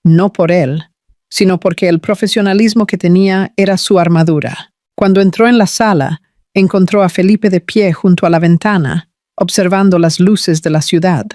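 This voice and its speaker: A man narrating a scripted romance story in an even, measured way. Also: high-pitched, dry recording, studio quality.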